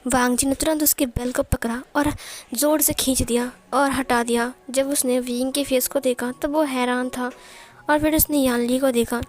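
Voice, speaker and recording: A woman's voice: sits high, steady tone, normal speed. A woman narrating a fanfiction story, retelling events and voicing each character's lines in a plain manner. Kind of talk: story reading.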